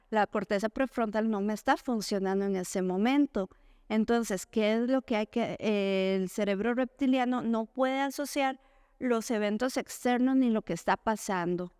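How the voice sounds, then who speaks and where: Woman explaining, crisp clear voice. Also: darkish tone, no room sound, clean studio sound. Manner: explanatory, asks the audience questions and answers them; acts out quoted parents and children in a higher voice. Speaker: school talk speaker for parents. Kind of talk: educational talk to parents.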